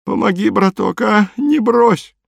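Brief: a shrieking, whiny stranger begging for rescue, high-pitched and dry. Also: male voice, monotone, very slow, creaky, warm tone, no echo, heavily acted. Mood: desperate wailing. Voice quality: shrill, whining. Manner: wailing, pleading old-fashioned cries for help. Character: panicked stranger drowning in mud, pleading archaically.

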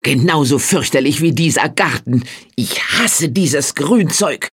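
A woman's voice: sits low, lively intonation, a little slow, breathy edge, heavily acted. A woman doing a spiteful bewitched little boy. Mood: scornful. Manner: scornful, shouting insults. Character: cold-hearted cruel young boy, enchanted. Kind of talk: storybook reading.

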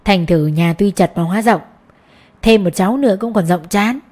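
A genial middle-aged male schoolteacher, as a woman narrator puts him on, who rambles on in a friendly, wordy way. The voice sits a touch above her usual range, with a soft, mellow tone. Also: medium pitch, moderate pace, natural voice.

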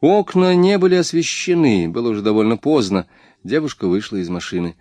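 A man narrating a novel as an audiobook in a measured reading voice. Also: mid-range voice, sing-song, dark tone, no echo.

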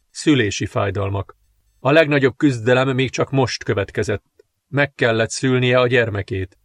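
Man, audiobook narrator, measured dramatic reading, medium pitch, dry close sound. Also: no echo. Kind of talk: scripted narration.

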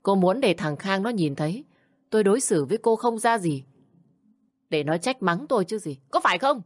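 A woman's voice: lowish voice, animated, moderate pace, no echo, studio quality, close to an everyday voice. A woman voicing a bossy, contemptuous older mother-in-law who scolds and sneers. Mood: scolding.

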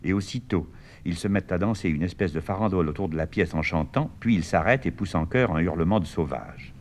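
Man quietly reading stage directions. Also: low voice. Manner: quiet, measured narration. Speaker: author reading his own play.

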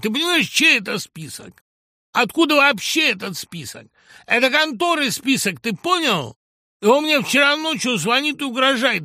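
A ranting, bullying middle-aged producer who shouts in a raised, sharp voice that leaps wildly up and down, as a man puts him on in an audiobook. Every sentence comes out as a tirade. The recording is close and dry. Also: medium pitch, husky, no room sound, full character voice. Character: loud, hysterical middle-aged male film producer. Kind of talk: audiobook reading.

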